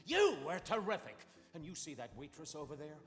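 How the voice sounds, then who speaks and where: A man playing a tired middle-aged executive husband who talks in a measured, sardonic way, in a stage production. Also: fairly high pitch, huge pitch swings, faint music behind. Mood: bitter. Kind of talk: stage musical acting. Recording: theater stage with long reverb.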